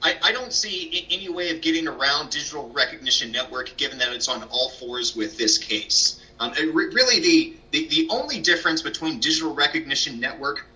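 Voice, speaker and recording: A man's voice: a little high, lively intonation, brisk, few pauses, pushed and bright. A man speaking as an appellate lawyer, delivering a formal, structured oral argument. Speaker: lawyer, state solicitor general arguing an appeal. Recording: dull, distant microphone pickup.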